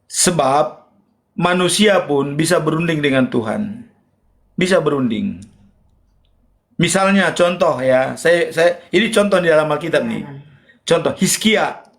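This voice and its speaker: A man's voice: on the high side, animated, a little slow, vocal fry, pauses often. A man in a heated religious debate who gives long, rambling explanations full of fillers and politely yields the floor.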